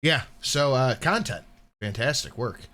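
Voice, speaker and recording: A man with an average-pitched voice and highly animated intonation. He chats casually as a stream co-host, joking, swearing and needling as he reacts. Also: unhurried. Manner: joking, profane, teasing. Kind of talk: casual banter reacting to a video and chat.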